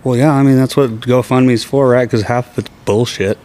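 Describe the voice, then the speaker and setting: A man's voice: medium pitch, steady tone, moderate pace, a little mellow. A man guesting on a podcast, joking in a crude, blunt way in casual chat.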